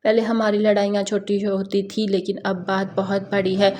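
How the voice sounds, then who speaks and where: Young woman figure, defiant, bitter, hurt, level flat voice, story read aloud by a woman. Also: mid-range voice, slight background noise, lightly acted. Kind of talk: scripted narration.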